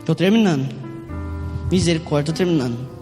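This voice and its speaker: A male pastor with a Brazilian Portuguese accent preaching a fervent sermon, his voice climbing into shouts as he acts out the people he quotes. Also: on the high side, brisk. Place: church sanctuary. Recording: reverberant church hall, faint music.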